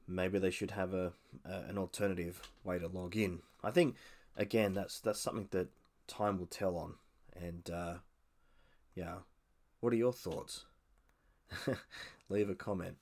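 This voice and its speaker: Low-voiced Australian man, nasal, hesitant. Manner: hesitant, many ums and restarts. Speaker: podcast host. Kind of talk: casual solo podcast commentary.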